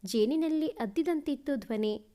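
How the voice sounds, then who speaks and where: High-voiced woman narrating a family story. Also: moderate pace, dark tone. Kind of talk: scripted first-person story narration.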